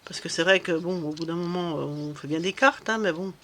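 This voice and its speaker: A woman's voice: on the low side, fairly quick, a bit bright, slight background noise. A woman vlogger chatting casually while she crafts at home, rambling and hesitant, full of fillers and restarts.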